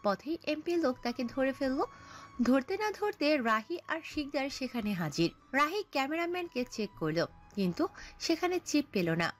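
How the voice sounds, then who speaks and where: A woman narrating a scripted audio story, telling it in an expressive storytelling manner. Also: sits high, normal speed, soft background music.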